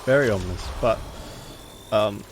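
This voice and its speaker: A man doing casual live-stream game commentary in a halting, rambling way, swearing offhand. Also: lowish voice. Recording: clearly noisy home stream recording. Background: background noise, cat scratching at door.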